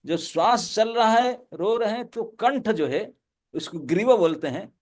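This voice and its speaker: A high-pitched male monk giving a devotional lecture. He tells the story in an animated way and breaks into laughter now and then. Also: a little slow. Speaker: monk and preacher.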